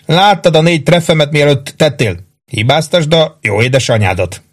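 A man's voice: fairly high pitch, lightly acted. A man reading an audiobook, voicing a cocky, wisecracking young soldier at a card game. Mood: needling. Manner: brash, needling, boastful. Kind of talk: audiobook character voice.

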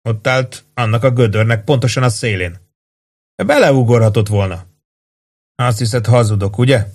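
A man reading an audiobook voices a young male staff sergeant who speaks in a halting, agitated way. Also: mid-range voice, natural voice. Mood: shaken.

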